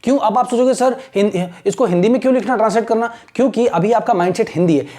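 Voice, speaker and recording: A man teaching a lecture in Hindi mixed with Indian-accented English, slowing down deliberately on English lines to model pronunciation. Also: high voice, a little mellow. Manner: mixes Hindi and English, repeats "ठीक है ना". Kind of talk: classroom lecture.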